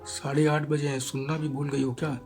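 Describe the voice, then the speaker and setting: A man's voice: fairly high pitch, little pitch movement, fairly quick, a little mellow, faint music behind, close to an everyday voice. A man reading an audio story, voicing a young man who is firm, reassuring and a bit impatient.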